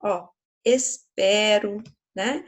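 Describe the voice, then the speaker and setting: A woman's voice: mid-range voice, drawn-out words. A woman teacher with a Brazilian Portuguese accent, giving a grammar lesson to schoolchildren in a patient, explanatory way, often checking in with the class.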